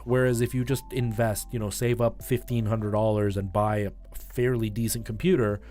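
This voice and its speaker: Over background music, a man streams and chats casually with his viewers, explaining things conversationally and often checking in with them. His voice is fairly low and mellow, with a level tone and normal speed.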